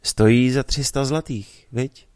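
A man reading a story aloud, voicing a calm, evasive young village man who teases his sweetheart. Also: mid-range voice, no room sound, clean studio sound, natural voice. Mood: sly calm.

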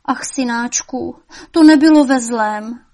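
A woman's voice: fairly high pitch, mellow, voice pushed up, lightly acted. A woman voicing the devil's old mother, a cunning woman who scolds shrilly and coaxes sweetly. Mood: coaxing.

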